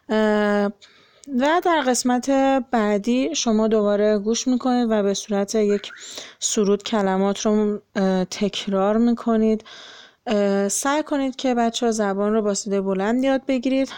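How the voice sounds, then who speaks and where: A woman teaches a children's English lesson in a patient, steady voice, explaining each phrase and then translating it. Her pitch sits in the middle range, and she pauses on fillers as she moves through the book. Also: clean tone.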